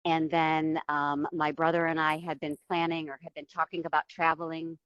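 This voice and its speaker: A woman's voice: sits low, flat delivery, moderate pace, fairly bright tone, dry recording. A woman heard over a phone speaker, calling in from an airport, answering interview questions hesitantly with many ums. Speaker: library board candidate. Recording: muffled lo-fi call audio.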